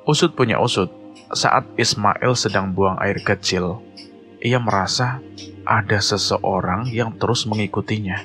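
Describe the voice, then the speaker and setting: A man telling a horror story in measured, suspenseful scripted narration, with music playing behind. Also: on the low side, fairly bright tone.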